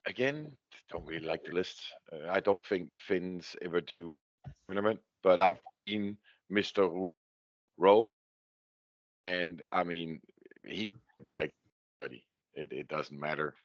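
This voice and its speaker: A man's voice: low-pitched, slow pace, pauses often, no echo. A man co-hosting a casual talk about game lists, talking hesitantly through a crackling mic that keeps cutting out. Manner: hesitant, restarts words. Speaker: co-host. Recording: dull lo-fi dry mic with dropouts.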